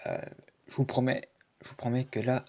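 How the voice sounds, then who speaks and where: A man talking over a recorded mobile game match for his channel, in a mid-pitched, ordinary voice. He rambles and hesitates, stacking fillers and restarts and falling back on the same stock phrases again and again. His delivery is loose and unscripted, a casual gameplay commentary. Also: level tone, normal speed, creaky, darkish tone. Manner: keeps repeating stock phrases. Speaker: video game channel host. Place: home screen recording, voice-over.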